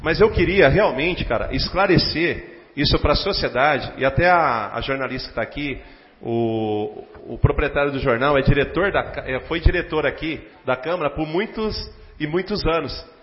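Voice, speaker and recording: A man's voice: on the high side, normal speed. A man with a Brazilian Portuguese accent, speaking as a city councilman in a formal debate, earnest and hesitant, full of fillers. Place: council chamber. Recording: dull lo-fi recording with long chamber reverb.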